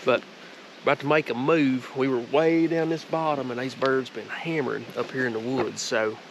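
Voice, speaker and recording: A man's voice: medium pitch, steady tone, moderate pace. A man, chatting casually in folksy country phrasing on a hunting vlog. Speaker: turkey hunter. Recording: noisy outdoor field recording.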